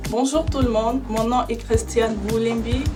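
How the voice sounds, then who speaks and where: A woman's voice: on the high side, fairly even intonation, moderate pace. A twenty-four-year-old woman giving a composed, earnest faith testimony. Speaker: young church member. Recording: distant mic with background music.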